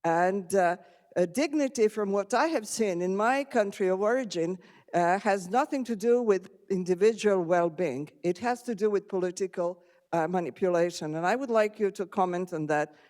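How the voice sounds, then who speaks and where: A woman's voice: medium pitch, moderate pace, a little mellow. A woman from Serbia in the audience, politely commenting and asking a question of the panel. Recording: reverberant lecture hall.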